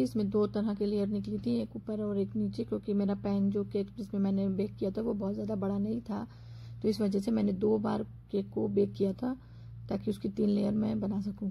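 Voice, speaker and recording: A woman narrating her own cooking video as a voice-over, calmly explaining each step. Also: mid-range voice, brisk, vocal fry, a little hiss or hum. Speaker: cooking vlogger.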